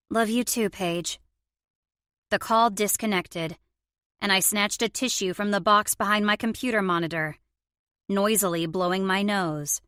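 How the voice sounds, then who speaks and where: A woman narrating a romance audiobook in the first person, with expressive storytelling. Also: medium pitch, clean tone, dry recording. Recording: dry studio recording.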